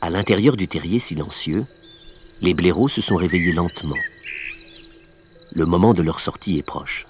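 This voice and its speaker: Low-voiced man narrating a nature documentary. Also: background noise. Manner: measured, explanatory storytelling.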